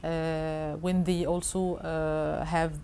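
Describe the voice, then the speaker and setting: A woman's voice: sits low, level tone, slow, dark tone, slight background noise. A woman answering interview questions in a hesitant way, with many filler sounds and restarts. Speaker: interviewed guest reporter.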